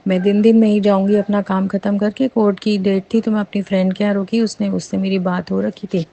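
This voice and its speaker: Middle-aged woman, mellow tone, earnest testimonial storytelling. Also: medium pitch, fairly quick, vocal fry. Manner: earnest storytelling, animated when recalling fear. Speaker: devotee sharing testimony. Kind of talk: personal testimony in a satsang.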